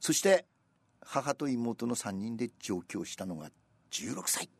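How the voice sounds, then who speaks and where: A husky-voiced man chats on the radio, telling stories and reciting old rhyming verse with a lively, swinging pitch. His voice sits close and dry, with no room around it. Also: a little slow, no room sound. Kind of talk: casual radio chat.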